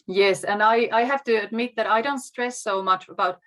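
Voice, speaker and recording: A native Finnish speaker from Finland, this woman speaks with a Finnish accent as a guest teacher on a casual video call. Her voice is a little high and a bit bright, and she talks in a measured, encouraging way.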